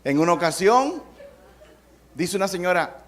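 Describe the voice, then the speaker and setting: A middle-aged pastor delivers a sermon in a conversational, storytelling way, acting out what people say and mixing in humor. His voice sits somewhat high for a man. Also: sing-song, unhurried, fairly bright tone, soft background music. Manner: conversational preaching with acted-out quotes and humor.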